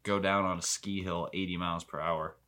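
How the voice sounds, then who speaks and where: Laid-back young man with a lowish voice. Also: fairly even intonation, fairly quick, bright, forceful tone. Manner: laid-back, slangy, joking. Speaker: podcast co-host. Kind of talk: casual chat.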